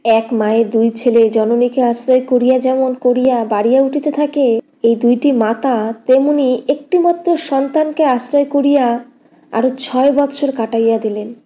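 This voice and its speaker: A woman audiobook narrator reading a classic novel in a steady, measured way. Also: fairly high pitch.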